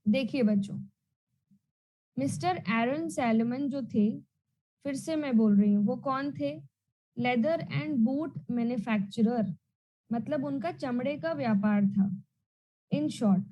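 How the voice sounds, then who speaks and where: A woman teaching an online class, loudly and emphatically and repeating questions so students answer back. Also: high voice, slow pace, long pauses, lo-fi sound. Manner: repetitive question-and-answer drilling; loud and emphatic.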